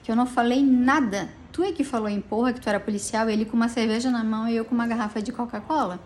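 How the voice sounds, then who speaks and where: Inside a police station, a tired middle-aged woman vlogs an emotional account of a personal dispute, agitated and rambling with many restarts. Her voice is on the high side, steady and a little mellow, and she speaks quickly over slight background noise.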